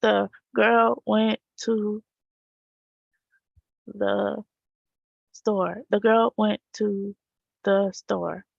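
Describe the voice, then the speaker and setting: Gravelly woman teacher. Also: mid-range voice, no echo, muffled recording. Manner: conversational, checks in with rhetorical "right?". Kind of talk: casual direct talk to parents.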